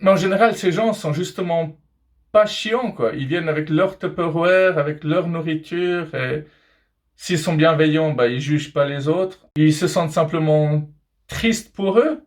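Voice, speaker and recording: A man's voice: on the high side, unhurried. A man hosting a comedy video, joking his way through pictures with playful, teasing asides to viewers.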